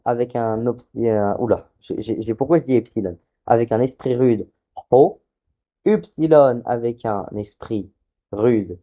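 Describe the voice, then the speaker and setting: Guy teaching a lesson online, lots of euh and restarts, muffled lo-fi mic. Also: medium pitch. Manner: explains step by step, with many fillers and restarts. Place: hot room with a fan running. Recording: dull lo-fi mic. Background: fan noise masked.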